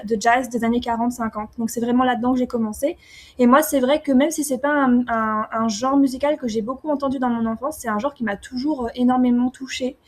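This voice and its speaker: A young woman from France answering interview questions casually, often pausing with fillers and restarting her sentences. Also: fairly high pitch. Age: young adult. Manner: hesitant, many fillers and restarts. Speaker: singer-songwriter guest.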